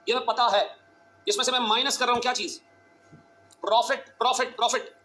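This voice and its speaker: A male teacher giving a classroom lecture, talking fast and urgently, repeating phrases and quizzing his students. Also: extremely high pitch, fairly even intonation, bright, forceful tone.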